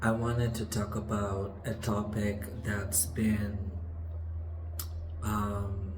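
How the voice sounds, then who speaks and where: Echoey stairwell, man in his twenties, lowish pitch, hesitant and halting, casual confessional vlog. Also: completely flat delivery. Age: 20s. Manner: hesitant, halting, with trailing pauses. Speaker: vlogger. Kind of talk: casual personal confessional to camera. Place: stairwell of an apartment building. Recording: echoey stairwell with background noise. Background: faint ambient building noise.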